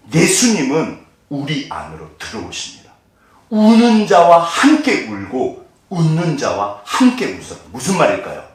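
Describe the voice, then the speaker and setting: A male pastor preaching a sermon, asking the congregation questions and answering them himself, acting out voices along the way. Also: fairly high pitch. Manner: animated, acts out quoted voices. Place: church sanctuary. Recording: very echoey hall, mic at a distance.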